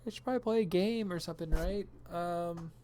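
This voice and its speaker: A woman's voice: on the low side, brisk, mellow, a little hiss or hum. A woman live streamer chatting casually while gaming, rambling and self-deprecating and laughing often.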